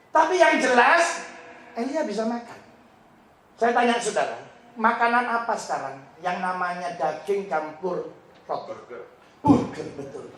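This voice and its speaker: Lively joking pastor in an echoey hall. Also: male voice, high voice, slight background noise. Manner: animated, joking storyteller who laughs often. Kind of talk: humorous sermon. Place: large hotel function hall. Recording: echoey hall, mic at a distance.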